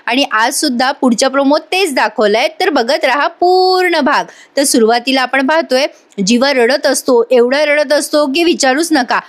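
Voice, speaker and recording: A woman's voice: sits high, moderate pace. A woman narrating a chatty voice-over recap of a TV serial episode, addressing the audience directly.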